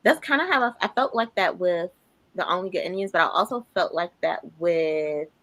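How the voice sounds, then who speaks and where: Lady w a lower voice chatting books, playful, acts out her reactions. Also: normal speed. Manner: lively, playful retelling with acted asides. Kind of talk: casual live book chat.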